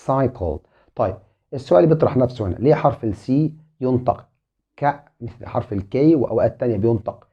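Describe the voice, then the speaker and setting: A man's voice: mid-range voice, breathy edge. Egyptian man teaching letters, lo-fi. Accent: Egyptian Arabic. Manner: spells letters aloud, repeating each twice; addresses viewers politely as a group. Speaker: English teacher. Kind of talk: online lesson. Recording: muffled lo-fi sound.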